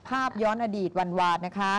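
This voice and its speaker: A woman's voice: fairly quick, fairly bright tone, slight background noise. A woman hosting a TV talk show, asking playful, teasing questions. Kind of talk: casual TV talk show chat.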